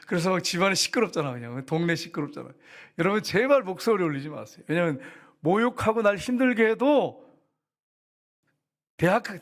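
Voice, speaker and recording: A middle-aged male pastor preaching a lively sermon, often calling out to the congregation and softly acting out prayers. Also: high-pitched.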